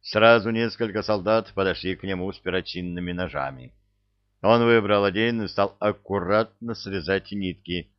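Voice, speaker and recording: A man reading a comic army story aloud as narrator, in a deadpan storytelling manner. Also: on the low side, normal speed, clean tone. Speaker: audiobook reader. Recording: dull dry recording.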